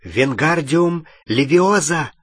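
A man voicing an anxious young wizard who talks in hurried, breathless bursts. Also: a little high, lively intonation, breathy edge, dry recording, full character voice.

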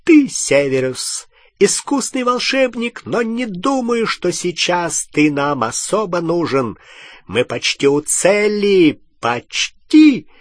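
A man voicing a cruel dark wizard with a high, clear, icy voice. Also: very animated, slow, no echo, clean studio sound, exaggerated voice. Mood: scornful.

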